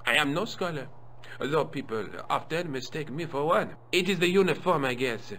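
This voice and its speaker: A man's voice: on the high side, expressive, moderate pace, bright, forceful tone, a little hiss or hum. A man voicing a haughty, self-important museum deputy custodian in a video game. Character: pompous fussy French male museum deputy custodian. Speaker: museum guard character.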